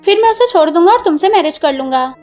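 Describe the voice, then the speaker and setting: A woman's voice: extremely high pitch, lively intonation, fast talker, darkish tone, faint music behind. A woman doing a sweet-talking cheating fiancé. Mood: scheming. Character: smooth-talking deceitful young male fiancé.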